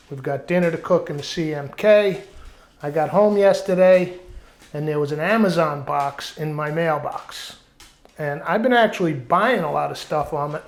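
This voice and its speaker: A man with a fairly high voice hosts a casual home cooking vlog from an outdoor backyard kitchen. He chats and rambles through stories, and the sound is reverberant.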